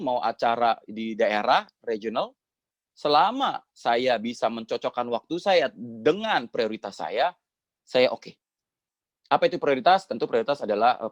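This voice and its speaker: A man's voice: medium pitch, no echo. Man telling a motivational story, dry sound. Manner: lively, acts out quoted dialogue, keeps addressing the audience as friends; plain conversational delivery with frequent fillers. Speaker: guest speaker at a sales team meeting.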